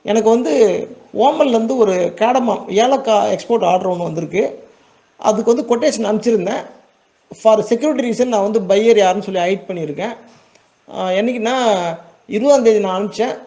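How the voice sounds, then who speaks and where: An export business owner from Tamil Nadu, India, gives a casual tutorial one step at a time, repeating words to stress them and checking that listeners are following. His voice is high and dark in tone, his delivery brisk with frequent pauses. The recording sounds lo-fi.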